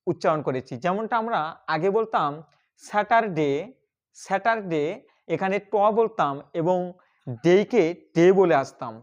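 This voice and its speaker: A man teaching English pronunciation in a video lesson, calling viewers dear learner and repeating each word slowly for them to copy. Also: high-pitched. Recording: slightly dull, lo-fi recording.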